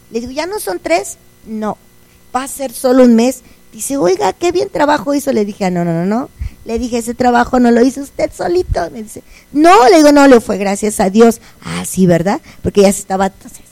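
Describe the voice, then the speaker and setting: A woman's voice: fairly high pitch, a little mellow, low-quality recording. A woman giving a religious testimony to a congregation, telling her story earnestly and acting out the conversations in it. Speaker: church testimony speaker.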